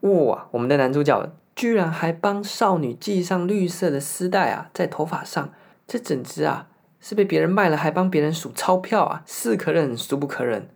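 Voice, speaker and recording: A man with a Taiwanese Mandarin accent retelling a story in a casual, animated way, with jokey asides, rhetorical questions and acted-out quotes. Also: a little high, moderate pace, creaky. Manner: animated, acts out the lovesick hero's lines in quotes. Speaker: host retelling a song cycle story.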